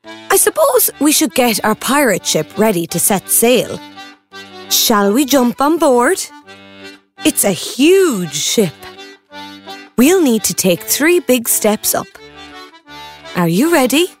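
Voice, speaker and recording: Woman telling a make-believe story to little kids, slow and bouncy, voice jumping all over, faint kiddie music under it. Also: on the high side. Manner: animated, encouraging, speaks straight to the child. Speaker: children's activity presenter. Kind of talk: interactive storytelling for young children.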